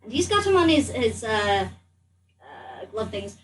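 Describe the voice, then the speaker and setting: Playing a character in a tabletop roleplaying game, a woman improvises her lines, stammering and repeating herself as though flustered. Her rather high voice swoops wildly in pitch, and she takes her time. The mic is distant, picking up faint room noise.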